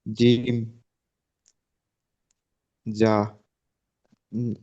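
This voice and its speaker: A man's voice: medium pitch, monotone, very slow, warm tone. A man answering as a student in an online class, giving short, hesitant letter names. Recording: dull lo-fi line.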